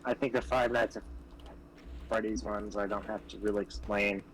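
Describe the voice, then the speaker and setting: A man's voice: lowish voice, steady tone, moderate pace, fairly bright tone, a little hiss or hum, poor audio. A young man chatting casually on a podcast, hesitant and full of fillers as he explains things. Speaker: podcast co-host. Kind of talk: casual chat.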